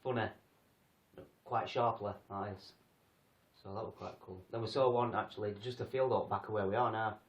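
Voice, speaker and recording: A low-pitched man chats loosely on a livestream, rambling from one story to the next with jokes at his own expense. He sounds set back from the mic in an echoey room, and the audio is dull. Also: steady tone, moderate pace. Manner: rambling, jokey, self-deprecating. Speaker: paranormal group host. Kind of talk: casual livestream chat. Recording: roomy, distant, dull sound.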